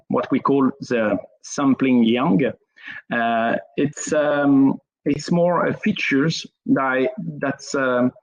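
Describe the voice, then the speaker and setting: A man with a French accent giving a technical presentation as a network engineer, hesitant and full of fillers. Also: medium pitch. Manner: hesitant, many fillers, apologetic. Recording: dull lo-fi sound.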